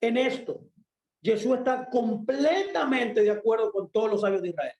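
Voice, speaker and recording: High-voiced emphatic male preacher, echoey room. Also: normal speed, darkish tone. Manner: emphatic, asks and answers himself. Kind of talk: sermon.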